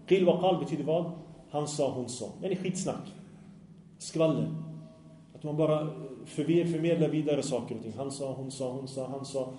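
A man's voice: mid-range voice, dark tone, a little hiss or hum. Earnest preacher man in an echoey room. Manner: earnest, asks the audience often. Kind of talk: Islamic sermon to youth.

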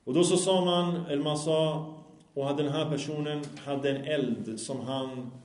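A man's voice: on the high side, steady tone, darkish tone, echoey room. A man giving a religious lecture, telling a story in an explanatory way and stopping to check that listeners follow.

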